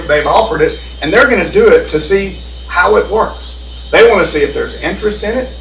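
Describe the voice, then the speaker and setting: The insurance benefits presenter here has a fairly high, gravelly voice with a fairly bright tone. He explains the options to a board meeting in a homespun way, repeating himself. Captured by a far-off mic in an echoey room, there's slight background noise.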